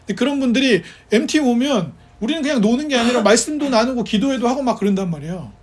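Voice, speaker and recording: A male pastor delivers a sermon in a relaxed, talking style. His voice rises and falls widely as he animates a story. He keeps turning to the congregation with rhetorical questions. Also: very high-pitched. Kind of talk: conversational sermon. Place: church service.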